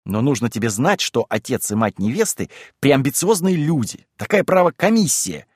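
A man voicing a polite, scheming middle-aged gentleman who talks evasively and with wounded dignity in an audiobook reading. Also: medium pitch, sing-song, moderate pace, husky, no room sound, studio quality. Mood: wheedling.

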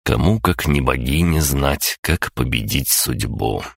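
A man narrating an audiobook in a measured, even first-person telling. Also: a bass voice, vocal fry, slightly rough, no room sound, studio quality.

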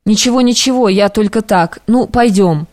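A woman voicing an anxious, guilt-ridden young male clerk who pleads haltingly, in an audiobook. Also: mid-range voice, darkish tone, no echo, studio quality, natural voice. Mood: pleading. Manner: imploring, halting.

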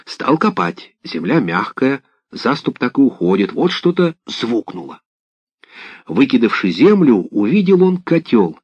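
A man reads a folk tale aloud with a dramatic, expressive delivery, his pitch swinging widely. His voice is low and husky. The recording is dry and dull, with a lo-fi sound. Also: measured pace, no echo. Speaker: narrator. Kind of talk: scripted storytelling narration.

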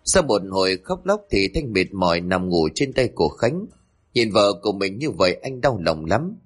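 A man narrating a dramatic family story in scripted storytelling. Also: deep voice.

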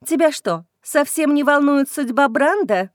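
A woman's voice: sits high, expressive, moderate pace, dry recording, clean studio sound, voice pushed up. A woman voicing an anxious, fretful female werewolf mother in an audiobook. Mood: distraught. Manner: fretful, pleading. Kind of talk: audiobook character reading.

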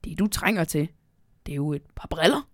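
A woman voicing a fussy little male Christmas elf who is quick to take offense, read for a children's storybook. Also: low-pitched, expressive, no room sound, studio quality. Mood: matter-of-fact. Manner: indignant shouting.

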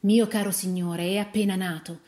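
A woman voicing a brisk, firm male doctor who reassures people in a storybook reading. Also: mid-range voice, fairly even intonation, dark tone, lightly acted.

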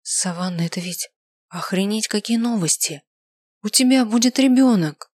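A woman voicing a caring young best friend who speaks eagerly and often in a hushed whisper. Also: on the low side, normal speed, dry recording, close to an everyday voice. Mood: excited, hushed.

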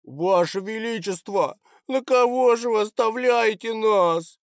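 A man's voice: medium pitch, a little slow, a little mellow, no echo, studio quality, voice pushed up, close to an everyday voice. A man voicing a weary, melodramatic young male servant who wails theatrically in a storybook reading. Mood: wailing. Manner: theatrical wailing. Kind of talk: audiobook character voice.

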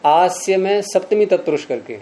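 A mellow, fairly high-pitched man leads a class through a grammar text. He reads lines aloud, then breaks them down slowly and puts questions to his students. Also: expressive. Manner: patient, questioning students, slows to spell out examples. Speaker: Sanskrit grammar teacher.

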